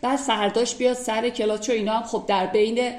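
A woman's voice: a little high, level tone, a little mellow, echoey room. A woman teaching classical poetry, reciting verses and then explaining them in a conversational way with everyday examples.

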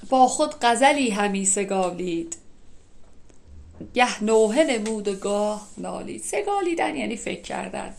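Gravelly woman explaining classical verse. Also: on the high side. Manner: reads verses slowly then explains in lively everyday speech. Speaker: teacher explaining classical poetry. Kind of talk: conversational poetry lesson.

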